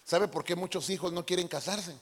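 Pastor de voz aguda en una iglesia resonante. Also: male voice, high voice, a little fast, in a large hall. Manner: playful, addresses the congregation directly. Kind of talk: lively sermon with acted-out impressions. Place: church hall.

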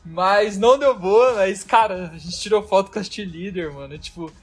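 A man's voice: sits high, normal speed, soft background music. A man with a Brazilian Portuguese accent telling a travel story in casual chat, loose and slangy, full of fillers.

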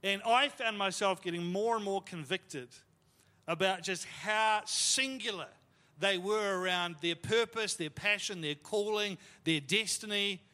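A pastor with a high, bright, pushed voice preaches a sermon at a slightly slow pace. He tells stories casually and pokes fun at himself, using lots of fillers. The recording carries a long hall reverb.

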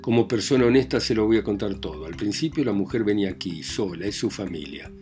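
Male reader as a fretful jealous old gentleman in a story, pleading, low voice. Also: expressive, quick pace, faint music behind, lightly acted. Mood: agitated. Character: anxious jealous older gentleman, fussy.

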